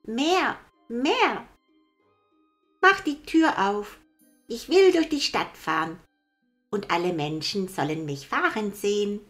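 Impatient little fairy-tale boy played by a woman: high, loud, demanding calls. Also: lively intonation, takes it slowly, pauses often, soft background music. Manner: loud, insistent calling.

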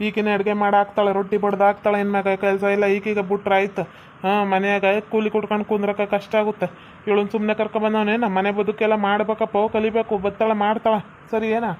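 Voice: medium pitch, completely flat delivery, fast, highs cut off, a little hiss or hum, close to an everyday voice. A performer voicing a bossy older village father-in-law in a cartoon, giving blunt orders in a North Karnataka accent. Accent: North Karnataka Kannada.

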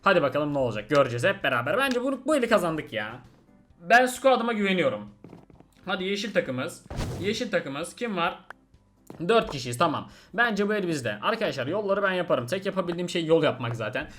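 Fast-talking young gaming host, excitable. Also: male voice, high voice, faint music behind. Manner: chatty, excitable, swears oaths, addresses viewers. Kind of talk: casual gameplay commentary.

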